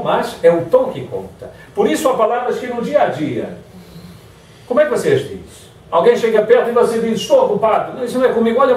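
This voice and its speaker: Lively man lecturing in a roomy hall. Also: sits high. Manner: lively, acts out example phrases in varied tones. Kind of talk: motivational lecture. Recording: echoey hall from far off.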